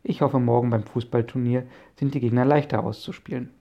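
A man reading a friendly inventor professor in an audiobook, calm and explaining, with a gravelly voice. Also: medium pitch, brisk, lo-fi sound, close to an everyday voice. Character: friendly middle-aged male inventor professor. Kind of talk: audiobook character voice.

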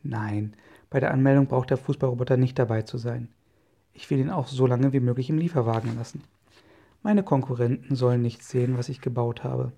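A man reading the lines of a hearty, hurried inventor professor in a children's audio story. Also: medium pitch, fairly even intonation, creaky, warm tone. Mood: secretive. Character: excitable inventor professor, middle-aged man.

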